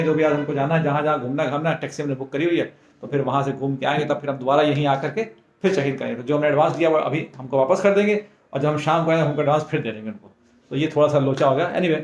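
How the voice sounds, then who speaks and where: A man's voice: on the high side, roomy sound. A man narrating a casual travel vlog, talking straight to his viewers as he films on a handheld phone. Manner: chatty, addresses viewers directly. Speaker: travel vlogger.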